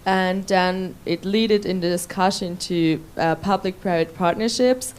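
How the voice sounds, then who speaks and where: A woman's voice: lowish voice, unhurried, a little mellow, clear, resonant tone. A woman making a spontaneous remark from the floor at a conference, hesitant, with many fillers and restarts. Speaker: conference participant. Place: conference room.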